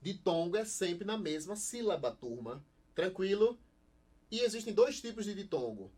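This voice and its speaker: A young Brazilian man with a lively, slightly high voice gives a recorded online class, asking the students questions and answering them himself. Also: normal speed. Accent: Brazilian Portuguese. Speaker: Portuguese teacher.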